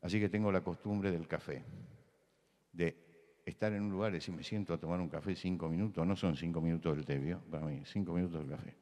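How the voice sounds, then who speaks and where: A preacher from Buenos Aires with a Rioplatense Spanish accent delivers a fast sermon full of anecdotes in a lowish voice. He is emphatic, repeats key words, and builds to loud insistence, all with the reverb of a church hall.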